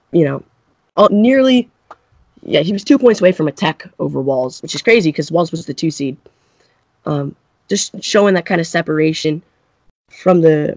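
Co-host: mid-pitched, hesitant speaker, dry close-mic sound, quick to agree. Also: dry recording. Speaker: podcast co-host. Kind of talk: casual sports chat.

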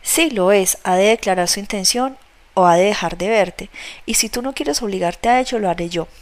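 A woman's voice: medium pitch, moderate pace, close to an everyday voice. A woman voicing a worried young woman who questions and reproaches her cousin, read from a novel. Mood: anxious.

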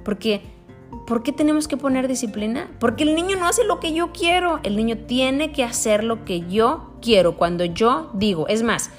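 A woman with a Mexican accent talks casually about raising children. Her delivery is expressive, and she slips into little acted-out quotes and trails through fillers. Faint music plays quietly underneath her voice. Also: fairly high pitch, normal speed. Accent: Mexican Spanish. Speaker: parenting speaker. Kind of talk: casual parenting talk.

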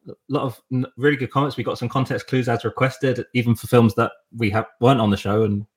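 A man co-hosting a casual podcast, speaking in a laid-back, halting way with many hesitations. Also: medium pitch, fairly even intonation. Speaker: co-host, musical director.

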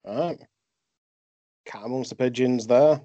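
In a measured, medium-pitched voice with a dark tone, a podcast host talks through a wrestling review like a relaxed conversation. There's no room sound. His lo-fi mic gives a dull, dry recording.

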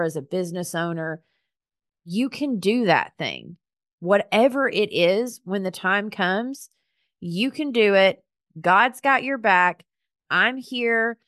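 A woman's voice: fairly low pitch, fairly bright tone, no echo, studio quality. A woman hosting her own podcast as a business coach, talking in a chatty, earnest, faith-filled way with lots of "like" fillers. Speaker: podcast host and business coach for professional organizers. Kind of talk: casual heartfelt solo podcast monologue.

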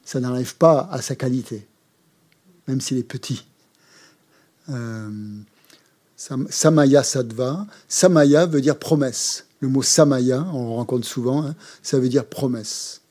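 Male Buddhist teacher, mellow voice, halting course delivery. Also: mid-range voice. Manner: hesitant, frequent fillers and repeated words. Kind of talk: explaining a mantra in a course.

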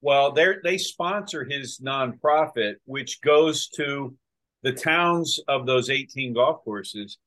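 A male podcast host in easy conversation, speaking at a mid pitch. He gets excited and stumbles over his words as he rushes into stories, restarting lines over and over. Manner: excited, talks in bursts with many restarts. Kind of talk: casual chat.

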